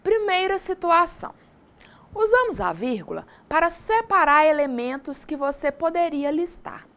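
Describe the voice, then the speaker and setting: Woman teacher for an online lesson; high, very animated voice, chatty, questions the class. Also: normal speed.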